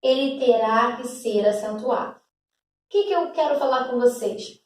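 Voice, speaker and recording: A woman's voice: fairly high pitch, normal speed, a little mellow. A woman teacher with a Brazilian accent, giving a grammar lesson patiently and often checking that students follow. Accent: Brazilian Portuguese. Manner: patient, repeats examples, checks understanding with "tá?". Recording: echoey room, voice from a distance.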